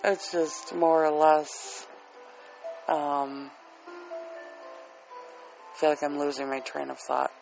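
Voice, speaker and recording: Male solo podcaster, candid and rambling, self-deprecating, dry-throated with plenty of fry, faint music underneath. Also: a little high, little pitch movement, slow pace, pauses often, rough recording. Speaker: podcast host. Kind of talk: rambling casual solo monologue. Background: soft relaxing music.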